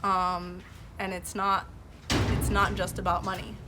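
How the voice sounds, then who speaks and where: The recording is very noisy as a woman, a native Farsi speaker, hosts a live stream from home with boxes at her back. Unhurried and medium-pitched with little pitch movement, she gives earnest, casual political commentary and reads chat, using many fillers and restarts.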